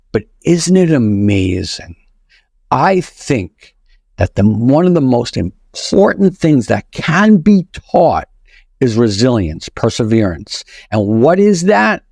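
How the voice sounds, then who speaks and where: A man's voice: mid-range voice, a little mellow, no room sound, clean studio sound. A man with a New York accent, a podcast guest who talks emphatically and lays out his points one after another. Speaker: guest, real estate broker and author. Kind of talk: casual podcast conversation.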